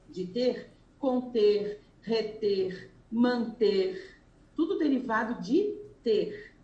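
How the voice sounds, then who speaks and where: A Brazilian Portuguese woman teaching a grammar lesson for exam prep, explaining slowly and voicing her students' questions herself. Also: fairly high pitch, a little mellow, a little hiss or hum. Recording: echoey room with faint ambience.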